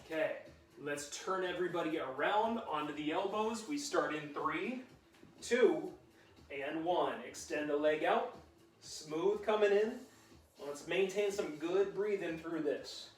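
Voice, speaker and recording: Male fitness instructor, high voice, upbeat and encouraging, calls countdowns, recorded from a distance. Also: measured pace. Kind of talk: live workout coaching with countdown cues. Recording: roomy sound, mic at a distance.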